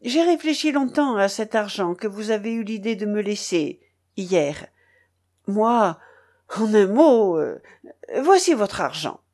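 A woman reading an audiobook and voicing a furious young tutor who shouts in shrill, rising outbursts. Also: sing-song, measured pace. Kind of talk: audiobook character voice.

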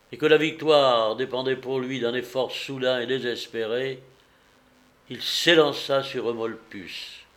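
A man reading a historical novel aloud in a measured storytelling manner. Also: medium pitch, a bit bright. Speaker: narrator.

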